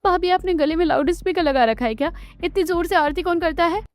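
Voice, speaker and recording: A woman's voice: very high voice, a little fast, slight background noise, voice pushed up. A woman voicing a sassy, sarcastic young sister-in-law in a cartoon story. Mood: annoyed.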